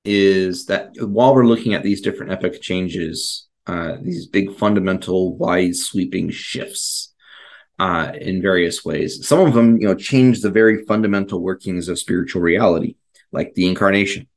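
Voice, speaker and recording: A man's voice: deep voice, normal speed. A man co-hosting a casual history discussion, talking in a rambling way with many fillers and restarts. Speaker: podcast co-host.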